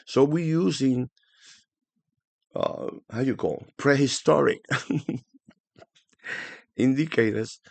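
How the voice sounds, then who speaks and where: A man with a thick Spanish accent hosts his own trading channel, animated and chatty. His voice has a gravelly edge, and the recording is dry and close. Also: mid-range voice, dry recording. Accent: Spanish-speaking. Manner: animated, hyping, chatty with many fillers. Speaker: forex analysis channel host. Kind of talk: casual market commentary to camera.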